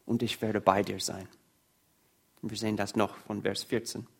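A man's voice: fairly low pitch, level tone, moderate pace, gravelly, a bit bright, husky. A man preaching a sermon, reading Bible passages aloud in an earnest way.

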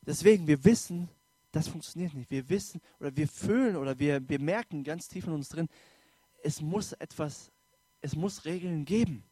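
Man preaching, slightly high voice, casual direct tone, loud emphatic peaks, soft asides, dry recording. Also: moderate pace, slightly rough, no echo. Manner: informal, direct address with emphatic rises and soft drops. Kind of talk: sermon.

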